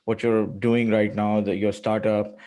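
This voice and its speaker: A man's voice: on the low side, little pitch movement, a little slow, dark tone. A middle-aged man hosting an interview, talking with enthusiasm and rambling through many filler phrases. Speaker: podcast host. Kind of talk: casual interview chat.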